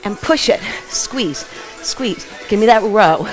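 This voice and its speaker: In a roughly recorded clip, a middle-aged woman with a mid-range voice and lively intonation speaks slowly as she leads aerobics. She shouts short, punchy encouragement while working out in an open living room at home, music in the background.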